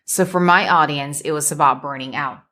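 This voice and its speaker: A woman with a notably low voice hosts a solo podcast on a microphone. Measured and deliberate, she stacks her ideas into emphatic lists as she coaches her listeners. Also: bright, forceful tone. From United States. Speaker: podcast host and business coach. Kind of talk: solo motivational podcast talk.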